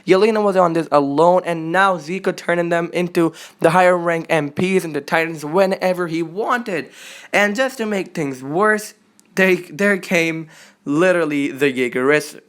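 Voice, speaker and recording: A young man hosting an anime reaction channel, recapping an episode in an excited, casual way, full of fillers and gushing asides. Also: a little high, smooth. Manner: animated, filler-heavy, gushing.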